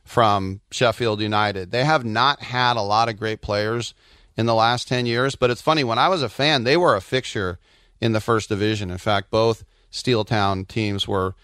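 Smooth-voiced man chatting casually about sports. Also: lowish voice, steady tone, moderate pace, fairly bright tone, no room sound, studio quality. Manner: digressive, anecdotal. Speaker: soccer commentator and co-host.

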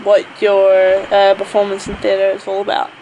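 A woman's voice: medium pitch, monotone, moderate pace, warm tone, slight background noise, poor audio. A woman hosting a casual radio interview, restarting her questions as she goes. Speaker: radio host.

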